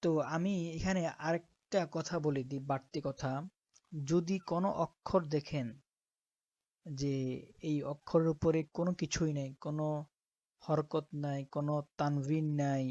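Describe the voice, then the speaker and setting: A woman teaching Quran reading, who spells out letters slowly and often checks that her listeners are following. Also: sits low, steady tone, dark tone, no echo, highs cut off. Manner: slow, patient, checks in with "ঠিক আছে?".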